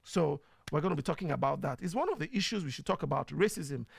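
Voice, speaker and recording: With a Nigerian accent, a man hosts a live online program and chats casually through viewers' questions, using many fillers. His voice is a little high, creaky, and slightly rough, with lively intonation and a quick pace.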